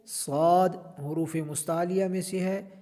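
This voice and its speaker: A man's voice: sits high, steady tone, dark tone. A male Quran teacher with an Urdu accent, drawing out chanted syllables between short explanations of pronunciation. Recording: long hall reverb.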